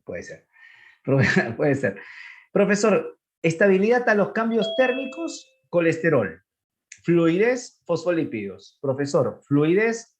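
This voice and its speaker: A biology teacher talks through his class with bounce and energy, tossing questions out and answering them himself. His voice sits a little high for a man. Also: slight background noise. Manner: animated, asks and answers his own questions, voicing students. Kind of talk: online class lecture.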